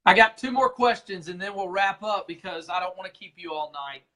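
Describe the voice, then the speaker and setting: A man's voice: sits high, lively intonation, fairly quick, pushed and bright. A man hosting a livestream interview, asking questions in a casual, conversational way. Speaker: host interviewer.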